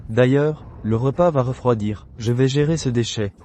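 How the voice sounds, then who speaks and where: A man's voice: mid-range voice, normal speed, dark tone, a little hiss or hum, lightly acted. A man voicing a bold, cheeky young imperial cook in a dubbed drama, teasing and cocky. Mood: self-assured. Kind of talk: dramatized dubbing with inner monologue.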